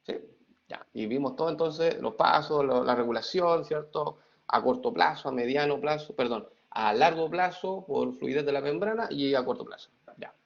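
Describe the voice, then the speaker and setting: A man's voice: on the high side, moderate pace, vocal fry. A middle-aged man, teaching an online class, reading students' chat messages aloud in a playful way and then lecturing. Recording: dull lo-fi sound.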